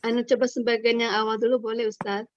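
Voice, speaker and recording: A woman's voice: a little high, flat delivery, fast talker. A woman student politely asking permission over an online class call, her voice breaking up from a bad connection. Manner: polite, asks permission hesitantly. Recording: dull lo-fi dry call audio.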